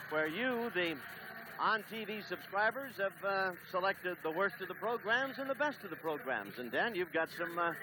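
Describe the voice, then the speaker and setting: A man calling a late-1970s televised soccer match as play-by-play announcer, briskly reading standings, lineups and notices. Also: sits high. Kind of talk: 1970s TV sports broadcast. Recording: old TV broadcast with steady noise.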